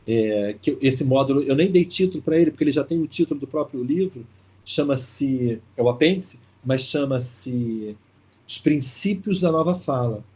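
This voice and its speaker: A man leading an online literature class in a casual, lively way, reading passages and asking rhetorical questions. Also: mid-range voice, moderate pace, breathy edge. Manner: lively, talkative, exclaims and asks rhetorical questions. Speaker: literature teacher leading a course.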